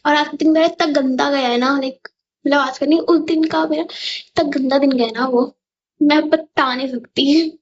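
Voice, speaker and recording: High-voiced chatty teenage girl vlogger. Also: fairly even intonation, normal speed, muffled recording, slight background noise. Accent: Indian. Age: teens. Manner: chatty, keeps asking "ठीक है?". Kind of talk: storytime vlog. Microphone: clip-on mic.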